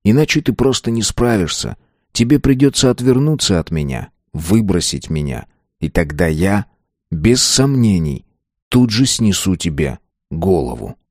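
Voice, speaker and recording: A man voicing an arrogant, brutal young man who talks gruffly and scornfully. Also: low voice, animated, unhurried, a little mellow, dry recording, studio quality. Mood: cold brooding.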